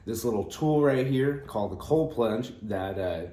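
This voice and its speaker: A man's voice: mid-range voice, animated, moderate pace, warm tone. Groggy early-morning man, echoey room. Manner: rambling, trailing off, frequent 'you know'. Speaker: host of a daily cold plunge vlog. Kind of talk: casual motivational vlog chat. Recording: roomy, echoing sound.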